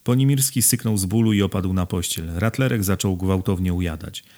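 A man reading a novel aloud as narrator in a steady, measured way. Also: deep voice. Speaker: audiobook narrator. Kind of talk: scripted narration.

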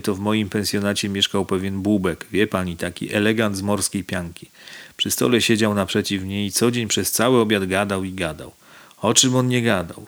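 A man's voice: lowish voice, a bit bright, natural voice. Man doing a blunt boastful fellow. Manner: bragging, plain-spoken.

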